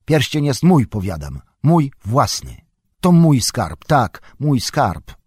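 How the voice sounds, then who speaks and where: Man voicing a possessive old hobbit, fussy, raised high voice, lively, husky. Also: dry recording, studio quality. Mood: angry. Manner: higher, louder, quick and agitated. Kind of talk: audiobook character voice.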